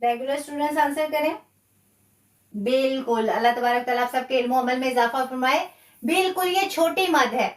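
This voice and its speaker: A woman's voice: sits high, echoey room, far from the mic. A woman teaching Quran recitation rules in a live online lesson, explaining patiently and repeating key words. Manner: slow, patient explaining with repetition.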